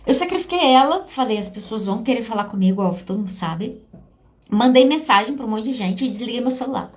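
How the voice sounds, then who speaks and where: A woman's voice: on the high side, expressive, fast talker. A woman from Brazil, a psychologist and host, talking to her audience in a personal, storytelling way, her voice catching with emotion at times.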